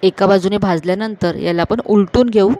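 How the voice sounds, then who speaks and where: Calm woman explaining a recipe. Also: mid-range voice, fairly quick. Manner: calm, instructive, addressing viewers directly. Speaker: cooking channel host. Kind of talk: step-by-step cooking voice-over.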